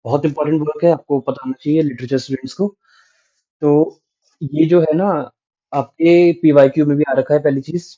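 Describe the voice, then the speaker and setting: A man's voice: on the high side, fairly even intonation, fairly quick, dark tone. A man teaching a literature lecture in mixed Hindi and English, explaining patiently and checking in with "right?". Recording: dull lo-fi sound.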